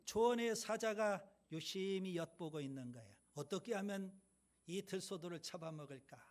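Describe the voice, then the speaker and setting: A male pastor delivers a sermon in a fairly high voice. He reads scripture with emphasis and moves into a gentle storytelling tone. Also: normal speed.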